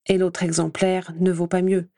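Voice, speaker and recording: A woman reading an audiobook voices a sneering, spiteful male professor who speaks slowly and mockingly. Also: on the low side, flat delivery, warm tone, no echo, clean studio sound, natural voice. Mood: scornful. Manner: slow, scornful, mocking.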